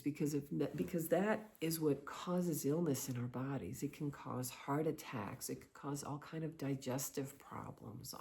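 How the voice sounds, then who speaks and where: A middle-aged woman giving a confessional personal monologue in a halting, reflective way, often pausing between short phrases. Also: very deep voice, vocal fry, warm tone. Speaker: vlogger sharing personal experiences.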